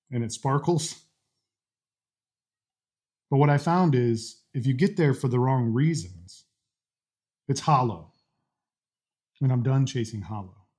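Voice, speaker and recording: A man speaking earnestly and deliberately in short phrases, as a vlogger giving a faith-based motivational talk. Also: mid-range voice, a little mellow. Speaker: host of a daily challenge vlog.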